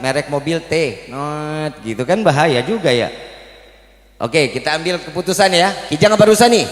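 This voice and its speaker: A man preaching a storytelling sermon at a village religious gathering, joking with the crowd and quizzing them, amplified through a PA system. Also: a little high. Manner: playful, jokes and quizzes the audience. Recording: echoey with long hall reverb.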